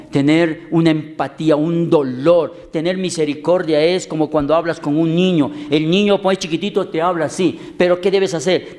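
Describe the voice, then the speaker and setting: Guy preaching a sermon, pretty high voice, gets loud and high then slows way down, acts out the people in his stories. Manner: dramatic preaching, swings loud and high for emphasis, slows words. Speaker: pastor.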